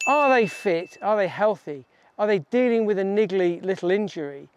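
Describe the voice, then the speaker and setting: Upbeat mountain guide outdoors. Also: male voice, sits high, darkish tone. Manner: clear, upbeat explaining. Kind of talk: outdoor instructional talk.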